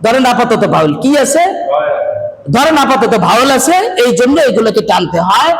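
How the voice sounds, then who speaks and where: A man's voice: extremely high pitch, big pitch swings, brisk, a loud crowd. A male Quran reading teacher, giving a classroom lesson by a board, quizzing his students and having them repeat after him. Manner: quizzes the class and drills repetition. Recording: echoey room, loud background noise.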